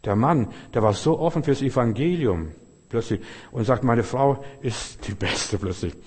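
A man's voice: medium pitch, animated, normal speed, a little mellow, slightly rough. An older man preaching a sermon as a pastor, emphatic and repetitive, speaking straight to each listener. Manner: emphatic, repeats key phrases, addresses listener directly. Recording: long hall reverb.

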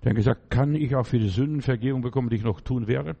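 A man's voice: mid-range voice, fast talker, vocal fry, dark tone. A man voicing a shrewd male merchant in a retold story, keeping close to his own plain speaking voice. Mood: sly. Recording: dull lo-fi recording.

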